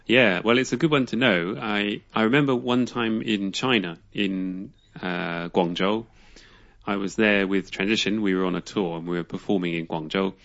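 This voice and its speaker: Guest voice: man, lowish pitch, easygoing chatty delivery, slightly muffled sound. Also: moderate pace, a bit bright. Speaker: guest learner. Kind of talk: casual chat.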